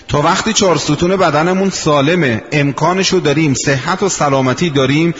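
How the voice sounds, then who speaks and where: A man in his sixties preaching a sermon in unhurried storytelling, slowing down for quoted sayings. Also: fairly high pitch, fairly bright tone. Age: 60s. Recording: dull lo-fi recording in a reverberant hall.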